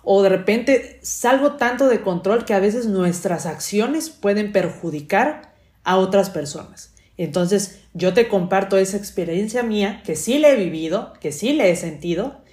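A woman hosts a casual self-help podcast in a chatty, questioning way. Her voice sits at a middle pitch. The room around her is noticeably echoey. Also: animated, measured pace. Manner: warm, chatty, many rhetorical questions. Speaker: podcast host.

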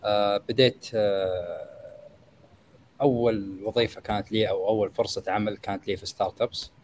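A young man with a Gulf Arabic accent explaining conversationally as a guest expert, hesitant and pausing as he thinks aloud. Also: fairly low pitch, fairly even intonation, a little mellow, a little hiss or hum. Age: young adult. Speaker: guest expert in startup marketing.

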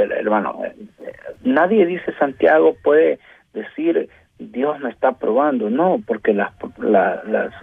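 Brief: male radio preacher, fervent, husky and gravelly, heard over a narrow phone-like line. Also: mid-range voice, dry recording. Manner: fervent, addresses listeners as brother and sister, rising rhetorical questions. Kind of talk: radio sermon.

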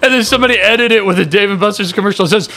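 Young male frat-bro type, rowdy casual chat, bright and gravelly, slangy, sweary. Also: high-pitched, rapid-fire. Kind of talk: casual chat among friends.

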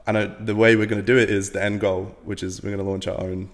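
Fast-talking man with a low voice. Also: flat delivery, in a large hall. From Latvia. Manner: rapid, rambling, swears casually, many fillers. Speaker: podcast guest, business owner. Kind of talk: casual podcast chat.

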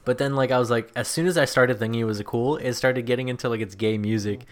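A young man co-hosting a podcast, chatting casually and telling stories with quick laughs. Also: medium pitch. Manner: laid-back storytelling, quick laughs. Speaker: podcast co-host. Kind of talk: casual chat.

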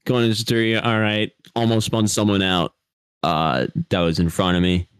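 A man's voice: on the low side, little pitch movement, normal speed, clear, resonant tone, dry recording. A young man co-hosting a casual podcast, rambling and laughing at himself as he talks. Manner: giggly, rambling, self-deprecating. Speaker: podcast co-host, driver.

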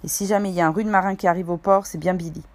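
A woman's voice: on the low side, fairly even intonation, very fast, darkish tone, lightly acted. A woman reading aloud, voicing a grumbling, boozy male pirate coxswain with blunt sailor's talk. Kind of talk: audiobook character voice.

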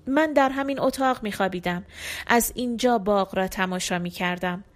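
A nostalgic aristocratic woman speaking lines from a play, voiced by a woman narrator. She declaims each line with longing, in a voice of middling pitch. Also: natural voice. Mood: wistful. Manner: wistful, declamatory.

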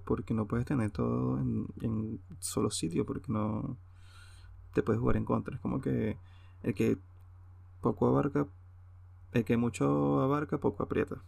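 Creaky and mellow, this man's mid-range voice comes through with no echo. He speaks in Venezuelan-accented Spanish, rambling informally and hesitantly in a solo podcast monologue.

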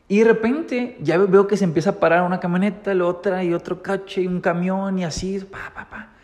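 Mexican man, vlog storyteller, animated, restarts a lot; roomy echo. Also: high-pitched, a little fast. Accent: Mexican Spanish. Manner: animated, many fillers and restarts, addresses viewers. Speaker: vlogger. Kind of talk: casual storytelling to viewers.

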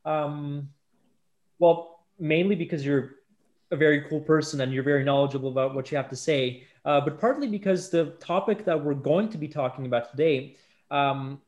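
A man's voice: fairly high pitch, normal speed, darkish tone, lo-fi sound. A man hosting a podcast interview, talking casually with many fillers and restarts. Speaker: podcast host.

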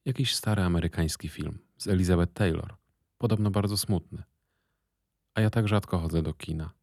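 A man voicing a bored, sulky young woman in a storybook reading. She complains quickly, through her teeth. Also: low voice, darkish tone, no echo, studio quality. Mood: coaxing.

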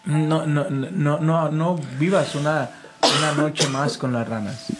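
A man who is both pastor and podcast host preaches casually, telling stories and fervently leading a call-and-response prayer. His voice is on the high side, steady in tone and slow, with loud music behind it and poor audio.

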